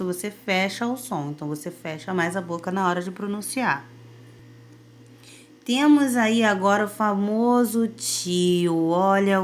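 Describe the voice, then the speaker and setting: A woman teaching young children in a recorded lesson. She explains things patiently and keeps her tone lively, often asking whether they follow. Her voice sits at an ordinary middle pitch. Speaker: primary school teacher.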